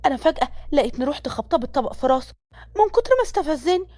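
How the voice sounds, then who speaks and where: A defiant young maid with an Egyptian accent, her voice lifted high and her words tumbling out quickly, as a woman storyteller puts her on. She pleads and protests in a dry, close audio-story sound. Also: lively intonation, a little mellow, no echo. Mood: pleading.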